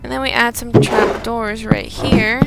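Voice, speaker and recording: High-voiced excitable woman gamer. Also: measured pace, gravelly, music in the background. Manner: excitable, thinking aloud. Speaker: gaming video host. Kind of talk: casual gameplay commentary while building.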